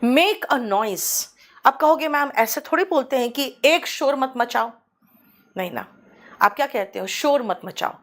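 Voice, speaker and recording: Patient Indian woman teaching English. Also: high-pitched. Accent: Hindi. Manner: explains patiently, addresses students as "beta", says English examples slowly. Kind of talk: online class lecture. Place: small teaching studio. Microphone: studio microphone.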